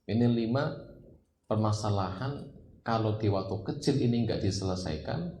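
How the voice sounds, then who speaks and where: Male preacher, low voice, rhetorical questions, echoey room, faint background ambience. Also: normal speed, a little mellow, a little hiss or hum. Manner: rhetorical questions, rising emphatic peaks. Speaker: Islamic preacher. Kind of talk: religious study lecture. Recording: roomy echo, faint ambience.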